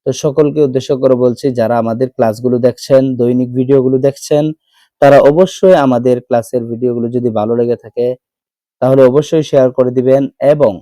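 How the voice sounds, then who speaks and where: A man with a Bangladeshi Bengali accent leads an online Quran reading lesson, patiently repeating each letter sound in a steady rhythm. His voice is mellow and warm, at an ordinary pitch for a man. The recording is dry and close, with no room around it. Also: no echo. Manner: slow repetitive drilling of letter sounds.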